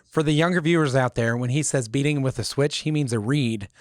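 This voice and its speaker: A man's voice: medium pitch, fairly quick, no echo, clean studio sound. A man in his forties hosting a podcast, who asks friendly questions and makes jokes. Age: 40s. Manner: jokey, affirming interviewer. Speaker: podcast host. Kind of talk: casual chat.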